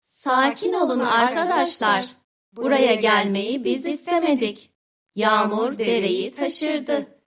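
A woman voicing a group of fish who calmly plead to be accepted in a children's story. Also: on the high side, slow pace.

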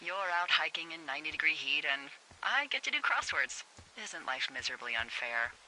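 A woman's voice: deep voice, animated, fairly quick, pushed and bright, slight background noise, heavily acted, low-quality recording. A woman voicing a teasing, dry-humored fire lookout supervisor talking over a radio in a video game. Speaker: game character.

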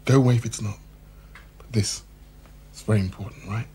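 A man's voice: fairly low pitch, fairly even intonation, a little fast, mellow, a little hiss or hum, close to an everyday voice. An actor playing a cocky, boastful man in a flirtatious mood. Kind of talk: period TV drama acting.

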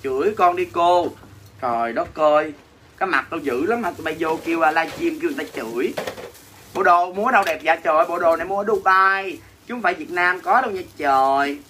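A man's voice: fairly high pitch, fairly quick, bright, forceful tone, a little hiss or hum. A man with a Southern Vietnamese accent hosting a livestream sale, reading out and answering viewer comments in dramatic, teasing, mock-complaining banter. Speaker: livestream seller and host. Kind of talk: casual livestream selling chat.

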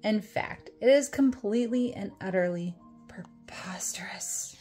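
With soft music in the background, a woman with a warm, mid-range voice performs a children's picture book at storytime. She plays it big and playful, feigning dismay, drawing out words dramatically, and dropping into whispers.

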